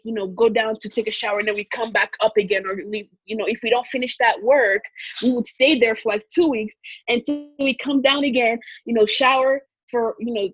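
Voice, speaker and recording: A woman from Congo tells a personal story in an emotional, rambling way, with plenty of fillers. Her voice sits a little high and sounds husky. The recording is dull and lo-fi, with a close, dry sound. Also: no echo. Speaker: guest telling a personal story. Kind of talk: casual storytelling.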